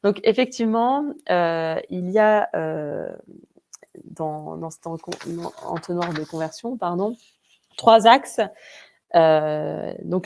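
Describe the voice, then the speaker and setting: A woman with a Vosges French accent presents an online training webinar informally, with many fillers, restarts and chatty asides. Her voice is fairly low and a little mellow.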